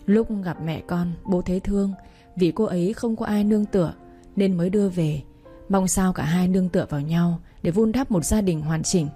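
A woman voicing a dying middle-aged father who talks slowly, weary and apologetic. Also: fairly low pitch, mellow, faint music behind, natural voice. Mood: confessing.

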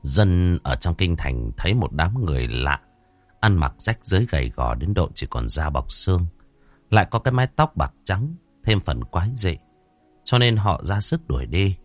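Deep-voiced man narrating a ghost story. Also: sing-song, normal speed, no room sound, soft background music.

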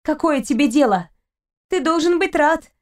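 Woman reading a young heroine, high voice, sharp and pleading, kinda desperate. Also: lively intonation, normal speed. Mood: defiant.

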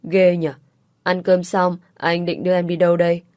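A woman doing a spoiled sharp-tongued girlfriend. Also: on the low side, little pitch movement, moderate pace, no echo, studio quality, natural voice. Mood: petulant. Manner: petulant, sarcastic.

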